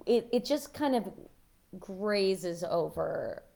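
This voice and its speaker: Speaking slowly in a mid-range, animated voice that's gravelly and a little mellow, this podcast co-host talks informally about a TV show. She works through her ideas as she goes and tends to giggle.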